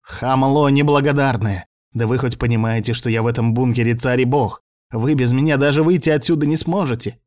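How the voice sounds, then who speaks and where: A man voicing an irritable male professor who lives inside a laptop, shouting orders and sneering. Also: medium pitch, expressive, normal speed, pitched above the performer's own voice, lightly acted. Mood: outraged.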